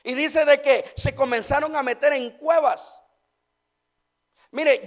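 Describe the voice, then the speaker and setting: A pastor preaches to his congregation in a strikingly high voice for a man. He speaks, stacking up rhetorical questions and repeating his phrases for emphasis. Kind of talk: sermon.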